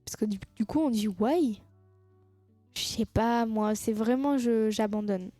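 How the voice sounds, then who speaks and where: A woman's voice: a little high, normal speed, mellow, no echo, soft background music. A woman chatting casually with her viewers on a live stream, teasing them and laughing at her own jokes.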